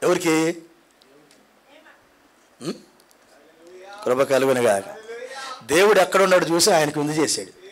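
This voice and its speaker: A male pastor preaching a Sunday sermon in a church prayer hall. He tells stories dramatically, dropping to hushed asides and climbing to loud repeated cries. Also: on the high side, unhurried, long pauses. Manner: repeats phrases in climbing builds.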